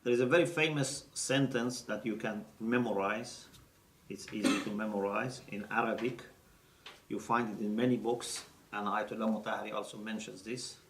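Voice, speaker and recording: A man with a lowish voice and fairly even intonation lectures at normal speed in a lecture room, walking through things step by step and checking on his listeners. The recording is noisy, echoey, and taken from a distance.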